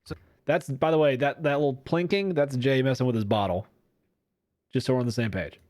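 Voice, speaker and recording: A man's voice: mid-range voice, fairly quick, darkish tone, no echo, clean studio sound. A man hosting a casual podcast, joking around and reading news articles aloud with a playful, wry manner. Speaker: podcast host editing his show. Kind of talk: casual podcast chat and editing commentary.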